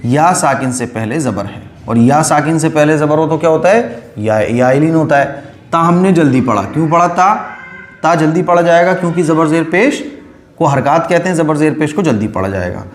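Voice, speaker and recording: Patient Quran teacher, roomy sound. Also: male voice, fairly high pitch, expressive. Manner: patient, repetitive, stretches syllables slowly when demonstrating. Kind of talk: online recitation lesson.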